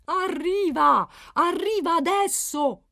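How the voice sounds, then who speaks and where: A woman voicing an anxious, childlike grown man who pleads in high, agitated bursts. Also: animated, normal speed, warm tone, no echo, studio quality. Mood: excited.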